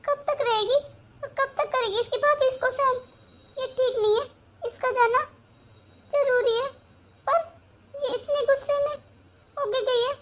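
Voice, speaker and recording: A fretful, scolding older mother from a cartoon story. The voice sits very high and sounds bright and sharp. She lectures and worries in turn. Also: fairly even intonation, moderate pace, pauses often. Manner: scolding then fretting.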